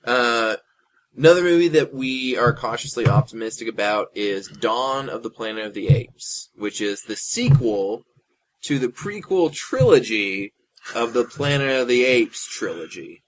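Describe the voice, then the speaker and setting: A man's voice: mid-range voice, expressive, measured pace, poor audio. A man co-hosting a casual podcast, explaining plots in a rambling way with many filler words. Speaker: podcast co-host.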